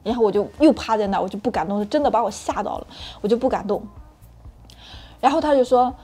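A woman hosting her own channel, telling a frank personal story in an animated, chatty way with many restarts. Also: on the high side, fast, faint music behind. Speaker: channel host sharing personal experience.

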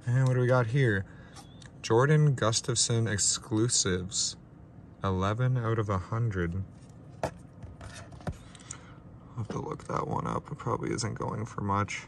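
A man's voice: on the low side, a little slow, gravelly, pauses often, slight background noise. A young man with a stuffed-up nose, casually talking through opening trading card packs, unscripted and a bit self-deprecating. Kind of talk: casual pack-opening commentary. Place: small room with a ring light.

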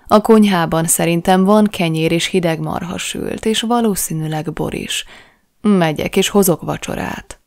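A man's voice: sits high, creaky. A woman voicing a young, playful male Scottish husband with a teasing manner in an audiobook reading. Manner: teasing, quietly amused.

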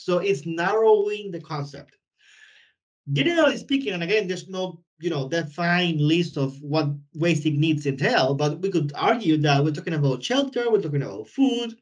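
A man's voice: sits high, far from the mic. A man giving an online webinar lecture as a guest lecturer, explaining each point step by step and stacking up repeated lists for emphasis. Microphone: video call.

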